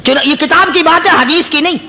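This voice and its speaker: A man with an extremely high-pitched, pushed, bright voice preaches a sermon, telling a story with emphatic repetition and chanting Arabic verses.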